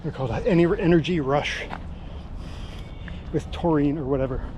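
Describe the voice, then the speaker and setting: Vlogging as he runs outdoors by a car, the man talks in a relaxed, rambling way. His voice is on the high side with a darkish tone and normal speed, and car and ambient noise fill the recording.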